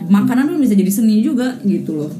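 A woman's voice: fairly high pitch, sing-song, quick pace, dark tone. A young woman co-hosts a casual podcast, speaking informally and slangily with English words mixed in. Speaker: podcast co-host. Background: music.

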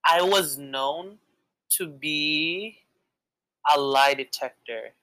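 A woman's voice: deep voice, drawn-out words, a bit bright, no room sound, poor audio. A young woman co-hosting a casual podcast, chatty and hesitant, with lots of fillers. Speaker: podcast co-host. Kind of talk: casual chat game with a friend.

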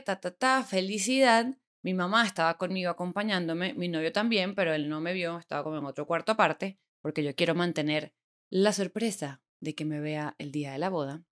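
Woman, 30s, casual storytelling host, expressive and conversational. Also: lowish voice. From Venezuela. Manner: chatty and expressive, voicing her own inner doubts. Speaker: podcast host.

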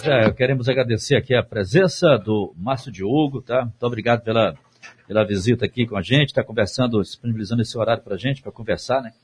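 A Brazilian man with a husky voice hosting a casual sports interview. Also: mid-range voice, fast, noisy background. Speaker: sports show host.

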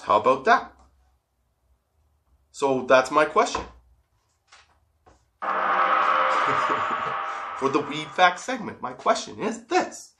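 A man's voice: on the high side, sing-song, extremely slow, long pauses, very noisy. A man hosting a casual, comedic solo podcast, stoned and rambling, giggly, drawing out the odd word. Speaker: podcast host.

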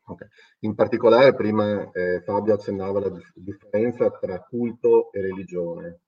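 A man's voice comes in over a patchy remote link that keeps breaking up, distant and dulled as if from across a room. His tone is husky and a touch low. He interviews in a halting way, restarting phrases as he goes. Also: fairly even intonation. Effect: remote connection breaking up, heard faintly and far off. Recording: distant, muffled remote call audio.

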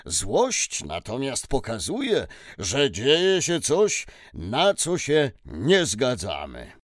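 A slow, animated, jolly Santa. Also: male voice, medium pitch, no echo, studio quality, heavily acted. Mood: gently instructive. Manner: theatrical, patient, reassuring, chuckling. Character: jolly, wise, kindly old male Santa Claus. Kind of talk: children's audio story acting.

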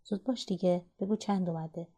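Woman doing a bossy, scolding older brother from a storybook, low mellow voice. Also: steady tone. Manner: scolding, impatient. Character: bossy impatient young boy, older brother.

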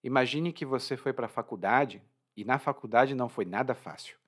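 Speaking at a moderate pace in a mid-range voice, this Brazilian language teacher walks through Portuguese words drawn from a story. His Brazilian Portuguese accent comes through as he keeps things informal and lively, chatting away and chuckling at his own jokes.

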